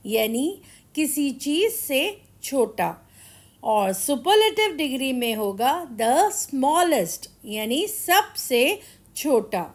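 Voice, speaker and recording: A woman teaching grammar, explaining slowly and deliberately, with the English examples spoken very slowly. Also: a little high. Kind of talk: grammar lesson.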